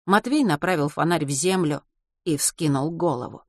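Woman, audiobook narrator, steady storytelling, lowish voice, dry recording. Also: normal speed, no echo.

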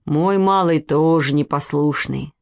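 A woman reading a storybook, voicing a boastful middle-aged military officer who barks drawn-out commands. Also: low-pitched, vocal fry, dry recording, pitched below the performer's own voice.

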